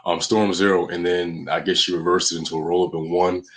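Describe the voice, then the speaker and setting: Male podcast host, deep voice, casual conversational delivery. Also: little pitch movement, brisk, fairly bright tone. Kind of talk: casual hosting chat.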